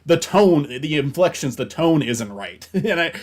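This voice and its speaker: A man's voice: a little high, expressive, a little slow. Young man, stream host, casual chat, rambling, restarts a lot, swears casually.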